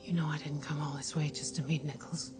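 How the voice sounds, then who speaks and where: An actress as an earnest, hushed woman in a TV drama. Her voice is fairly low, and music plays clearly behind her. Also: little pitch movement, brisk, close to an everyday voice. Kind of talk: screen drama acting. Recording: drama clip under music.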